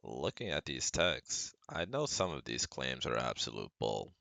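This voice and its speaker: This scripted ASMR roleplay features a young man as the listener's caring, protective best friend, a psychology student who offers earnest, analytical reassurance directly to them. His heavily acted voice is very deep, gravelly, bright and forceful, sing-song and unhurried, with no echo.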